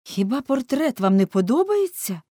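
A woman's voice: fairly low pitch, animated, fairly quick, a little mellow, no echo, clean studio sound. A woman reading aloud voices a devoted, emotional male painter who speaks earnestly and urgently.

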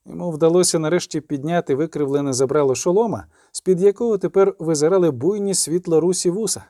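A man narrating an audiobook with animated storytelling. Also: on the high side, quick pace, no echo, clean studio sound.

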